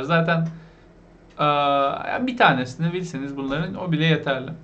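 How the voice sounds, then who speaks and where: A man with a Turkish accent teaching beginners English vocabulary, asking questions and repeating each word slowly. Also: on the high side, highs cut off. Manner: asks the viewers questions, repeats the words slowly.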